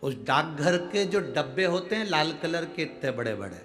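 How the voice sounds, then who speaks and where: A man's voice: fairly high pitch, sing-song, moderate pace, a bit bright, faint music behind. A middle-aged man preaching a devotional sermon, emphatic and calling out to the audience for responses. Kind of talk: devotional sermon to a large crowd.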